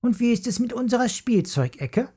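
A narrator voicing a young girl, a teasing, bossy sister in a children's story, talking high and quick. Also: creaky, darkish tone, breathy edge. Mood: complaining.

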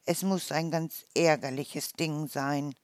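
A storyteller voicing a small, clever forest mouse with a lively, mocking manner. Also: medium pitch, slow, no echo, studio quality, lightly acted.

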